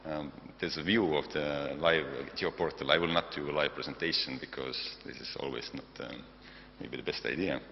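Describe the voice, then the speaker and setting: A man from Estonia with an Estonian accent, giving a technical conference presentation in a halting, hesitant way with frequent pauses. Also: rumbling low, steady tone, creaky. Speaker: conference presenter, software developer side. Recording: dull, noisy hall recording with long reverb, hum.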